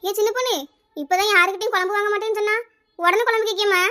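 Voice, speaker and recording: Squeaky bright cartoon auntie, kanyakumari tamil accent, talks fast and fond. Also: female voice, steady tone. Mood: teasing. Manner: coaxing, fond, keeps calling her by pet name. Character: kindly neighbour woman Gomathi, elder-sister type. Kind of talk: cartoon comedy dialogue.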